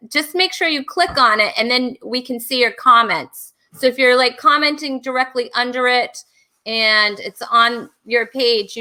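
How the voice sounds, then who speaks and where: A woman with a bright, somewhat high voice hosts a relaxed live-stream chat. She laughs often and reads viewer comments aloud as she goes. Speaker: host.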